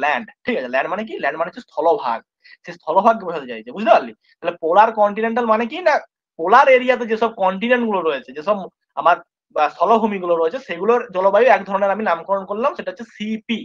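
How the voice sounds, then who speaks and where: A man's voice: high-pitched, fairly bright tone. A male tutor giving an exam-prep geography lesson, informal with his students, repeating points and constantly checking they follow. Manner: informal, addresses students familiarly. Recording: dull lo-fi recording.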